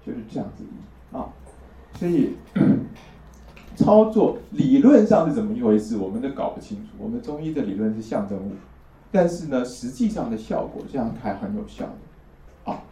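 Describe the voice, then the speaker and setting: In a warm, medium-pitched voice with a sing-song lilt, a man teaches traditional Chinese medicine at a moderate pace. His classroom lecture proceeds step by step with frequent checks that listeners agree, and the distant, roomy lo-fi recording has slight background noise.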